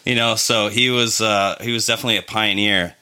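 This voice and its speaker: A man's voice: lowish voice, fairly even intonation, a little fast, bright, forceful tone. A man co-hosting a casual podcast, telling stories in a laid-back way with lots of fillers and restarts. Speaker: podcast co-host. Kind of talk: casual chat.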